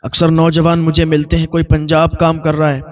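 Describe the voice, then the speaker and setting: A man preaching with a high-pitched voice, building his story through repeated, list-like phrases. The recording is dull and lo-fi, with muffled highs. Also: monotone. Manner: repetitive, listing cadence. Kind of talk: storytelling sermon.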